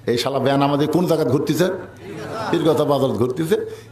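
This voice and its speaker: A man giving a humorous sermon at a religious gathering, chanting slogans loudly and acting out village characters. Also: mid-range voice, a little fast, echoey room. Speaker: preacher.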